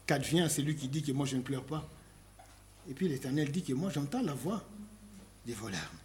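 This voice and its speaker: A man preaching a sermon, slow and emphatic, reading scripture aloud and asking rhetorical questions. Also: medium pitch, lively intonation, darkish tone.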